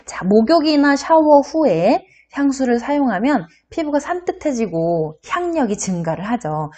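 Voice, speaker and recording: Lively-voiced woman lecturing students. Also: high-pitched, normal speed. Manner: chatty, addresses students directly with questions. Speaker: university lecturer. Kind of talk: recorded online lecture.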